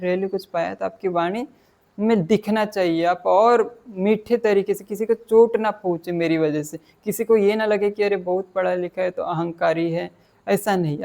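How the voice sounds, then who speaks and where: Gravelly man teaching dhamma. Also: high-pitched, darkish tone. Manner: mixes English words into explanation, recites Pali slowly. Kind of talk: dhamma talk explaining Pali verses.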